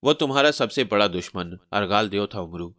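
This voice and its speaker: A man's voice: fairly low pitch, animated, brisk, a bit bright, no room sound, clean studio sound. A man voicing a ghostly shadow princess who speaks solemnly with sighs. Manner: solemn, sighing.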